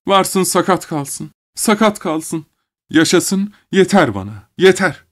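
A man's voice: on the high side, expressive, normal speed, darkish tone, breathy edge, pitched above the performer's own voice. A man voicing a desperate peasant father who pleads in broken, crying phrases. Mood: frantic pleading.

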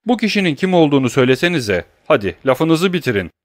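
A man's voice: on the high side, big pitch swings, fast, dry recording, clean studio sound, pitched above the performer's own voice. A man voicing a cold, menacing young nobleman. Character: young nobleman, cold, grimly furious, challenging. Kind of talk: audiobook character reading.

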